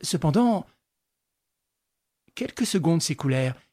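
Male narrator for a classic novel, steady measured delivery, slightly high pitch. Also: dry recording, studio quality. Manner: measured, even storytelling reading. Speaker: audiobook narrator. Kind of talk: scripted narration.

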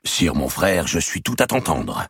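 Man voicing a stubborn medieval lord for a storybook reading, raised loud husky voice, gravelly edge. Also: sing-song, a little slow, no room sound, studio quality, heavily acted. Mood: defiant. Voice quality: creaky husky low voice, raised and forceful. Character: stubborn proud medieval nobleman, defiant and loud.

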